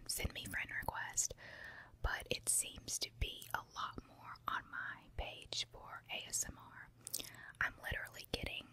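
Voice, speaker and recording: Female ASMR creator, fully whispered ear-to-ear delivery, intimate close recording, unhurried confiding ramble. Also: pushed and bright. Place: room at home with carpet and window. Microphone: handheld recorder with foam windscreen on tripod, very close.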